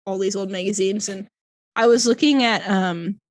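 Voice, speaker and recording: A woman's voice: medium pitch, normal speed, no echo. A woman co-hosting a podcast in casual chat, rambling and laughing often. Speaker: podcast co-host.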